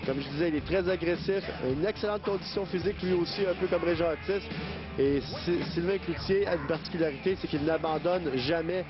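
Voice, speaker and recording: A man's voice: fairly high pitch, brisk. A man giving analytical live fight commentary, explaining with hesitant phrasing. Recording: dull broadcast sound, music behind.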